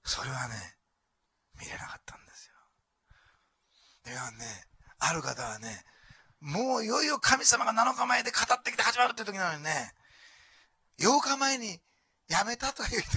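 A man with an Osaka accent preaches a sermon in a high, bright, gravelly voice at a quick clip. He drops to near-whispers and then rises to loud exclamations, peppering his talk with rhetorical questions. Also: no room sound. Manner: dramatic, swinging from hushed whispers to loud exclamations. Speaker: pastor.

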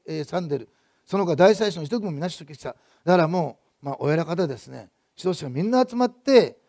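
A man preaching a sermon as pastor, building to loud emphatic repetition and then dropping to soft asides. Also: a little high, gravelly, dry recording, clean studio sound.

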